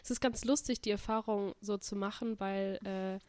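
A young woman with a medium-pitched voice talks in a dry, close recording. She has a mild cold with a stuffy nose. Her delivery is casual, rambling and slangy, like a podcast co-host chatting with a friend. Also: steady tone, normal speed, mellow, clean tone, dry recording. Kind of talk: casual chat.

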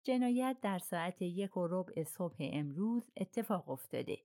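An agitated, excitable railway director, as a woman reads him in an audiobook, his voice pitched up and pushed louder than the narration around him. He exclaims in frustration throughout. The recording is close and dry. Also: no room sound. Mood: insistent. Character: excitable exasperated middle-aged male railway director.

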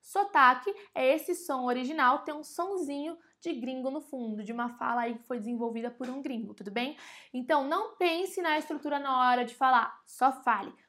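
A woman's voice: sits high, fairly bright tone. A woman with a Brazilian Portuguese accent teaching English in a casual online lesson, chatty and often addressing her audience directly. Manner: slows down to spell and repeat example words.

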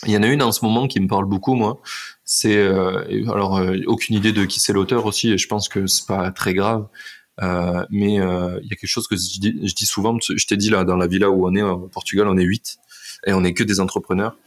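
Male podcast host, very low voice, loose and rambling. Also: flat delivery, a little fast. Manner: rambling, many fillers and restarts. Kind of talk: casual interview chat.

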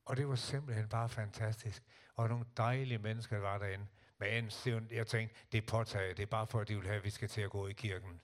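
Older Danish man telling stories. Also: fairly low pitch. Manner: animated, acts out quotes. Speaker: guest, singer. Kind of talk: casual storytelling.

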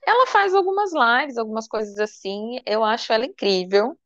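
A woman's voice: on the high side, animated, normal speed, fairly bright tone, no echo. A woman podcast guest with a Brazilian Portuguese accent, chatting in an upbeat, emphatic, teasing way. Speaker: podcast guest, financial consultant. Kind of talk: casual chat. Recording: dull lo-fi sound.

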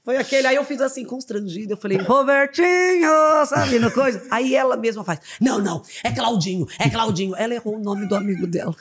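A woman's voice: on the high side, fast, hardly any pauses, slightly rough. A woman in her thirties from Brazil, a comedian telling funny stories on a podcast and acting out other people's voices. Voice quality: animated, acts out voices in shrieks. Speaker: guest comedian. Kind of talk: lively podcast storytelling.

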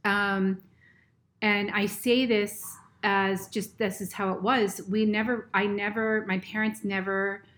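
A middle-aged woman from Massachusetts chats in an interview at home. She is earnest and a little halting, pausing on ums and restarting her sentences. Her pitch sits in an ordinary middle range. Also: level tone, fairly bright tone. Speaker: nurse, interview guest. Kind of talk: casual interview chat. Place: family home.

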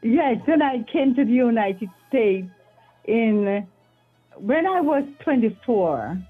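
A woman, a guest author answering interview questions in an earnest, measured, devout way. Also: fairly high pitch, animated, breathy edge, soft background music. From Jamaica. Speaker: author and retired teacher, guest. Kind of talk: interview answers over a call. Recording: tinny phone-line audio.

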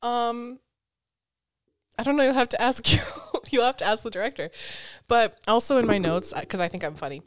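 A woman's voice: a little high, a little fast, smooth, no echo. Giggly woman podcast host, dry sound. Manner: chatty, giggly, trails off with fillers. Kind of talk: casual chat, reading notes.

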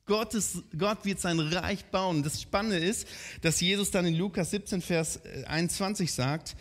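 A man's voice: high-pitched, a little slow. A man preaching a sermon in a conversational way, often asking his listeners direct questions.

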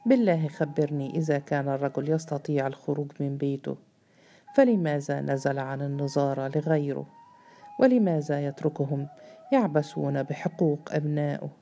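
Woman reading a gentle cautious doubting man. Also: low voice, brisk, soft background music. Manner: soft, careful questioning.

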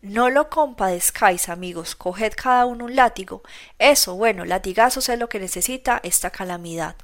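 A woman voicing a brutal, boastful drunken peasant man who shouts and bullies. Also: mid-range voice, normal speed, lightly acted. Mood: cruel shouting. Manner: shouting, loud and bullying.

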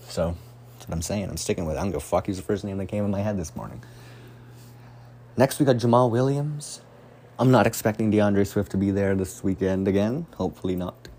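The recording has a little hiss or hum as a man with a lowish, warm voice hosts his solo fantasy football show in a room at home, a door close by. It's a casual, rambling podcast where he curses freely and keeps getting sidetracked.

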